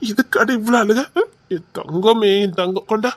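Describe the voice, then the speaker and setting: A man's voice: high voice, unhurried, a bit bright, dry recording. A man with a Tirunelveli Tamil accent, playing a caring young village man who teases affectionately. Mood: coaxing. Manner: affectionate, teasing, easygoing. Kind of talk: web series drama acting.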